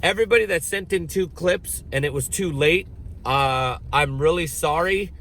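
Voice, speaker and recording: A man in his thirties ranting casually to camera as a vlogger, slow and rambling, with frequent swearing and throat-clearing. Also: fairly high pitch, fairly bright tone, slight background noise, rough recording. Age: 30s.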